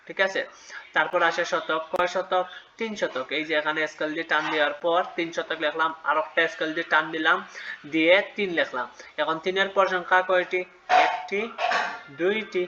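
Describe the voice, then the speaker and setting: A man's voice: on the high side, pushed and bright, muffled recording, a little hiss or hum. A man teaching a children's math lesson step by step, patiently asking questions and answering them himself.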